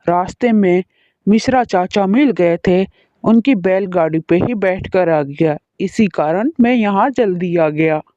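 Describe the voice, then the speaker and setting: A woman voicing a kind older brother who calmly pleads for his sister. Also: lowish voice, measured pace, no room sound, highs cut off, pitched below the performer's own voice, natural voice. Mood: protective. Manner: calm, pleading.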